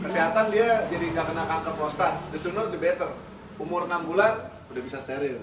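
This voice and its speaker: Firm high-voiced man coaching dog owners. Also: a little fast, very noisy. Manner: firm, explanatory, mixes English commands. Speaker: dog behavior trainer. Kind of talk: casual instructive coaching. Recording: roomy, distant mic, music behind.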